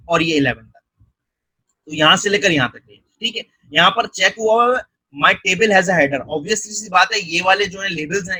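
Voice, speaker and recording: A man with a husky voice, walking through a spreadsheet tutorial step by step and checking in often. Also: sits high, sharp tone, no echo, poor audio. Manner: step-by-step, frequent check-ins. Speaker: software tutor. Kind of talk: screen-recorded tutorial narration.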